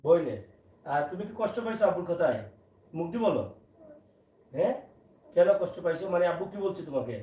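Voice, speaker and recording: A father films a casual family vlog in a fairly high voice for a man. He switches between gently coaxing and teasing his little boy and chatting with his viewers. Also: very animated, fast, pauses often. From Sylhet, Bangladesh.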